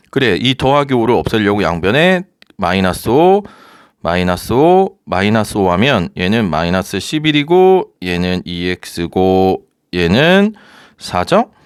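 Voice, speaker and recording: A man teaching a recorded high-school math lecture, talking students through each step and often checking with rhetorical questions. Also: clear, resonant tone, no echo, studio quality. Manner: lively, coaxing, asks rhetorical questions.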